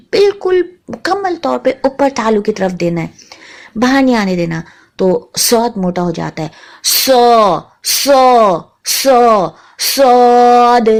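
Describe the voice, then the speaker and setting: A woman teaching a tajweed lesson, patiently naming letters one by one and repeating each sound slowly. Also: medium pitch, darkish tone. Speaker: Quran recitation teacher.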